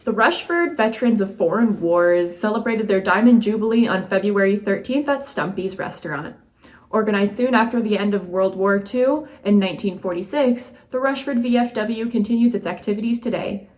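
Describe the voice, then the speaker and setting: A woman delivers scripted local news narration as a community presenter. Her pitch is average for a woman. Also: moderate pace.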